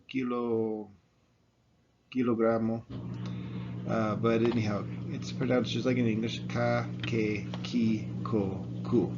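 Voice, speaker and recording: A man teaching a language pronunciation lesson, patiently sounding out syllables and asking the listener to repeat. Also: mid-range voice. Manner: patient, repeats syllables slowly, chuckles at own slips. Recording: dull lo-fi sound, faint room noise.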